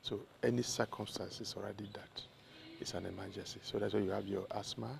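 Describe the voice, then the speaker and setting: Gravelly-voiced Nigerian male doctor. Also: fairly low pitch, fairly even intonation. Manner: measured, lists examples one by one. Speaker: doctor, consultant guest. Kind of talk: explanatory interview answers.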